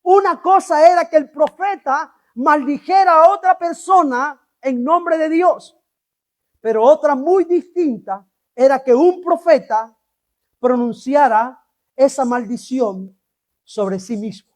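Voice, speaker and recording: Male pastor, high voice, slow unhurried delivery, sermon to a congregation, questions to the listeners. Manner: animated preaching that asks the congregation questions.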